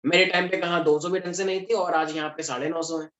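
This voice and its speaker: A man's voice: a little high, level tone, fast talker, fairly bright tone. A young man from Delhi teaching a class in a chatty, joking way, mixing in English terms. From Delhi, India. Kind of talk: classroom lecture. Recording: echoey classroom.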